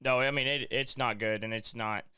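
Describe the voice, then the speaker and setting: A man's voice: medium pitch, fairly even intonation, normal speed, pushed and bright, clear, resonant tone. A young man, co-hosting a casual podcast and animatedly retelling conversations. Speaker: podcast co-host. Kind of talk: casual storytelling chat.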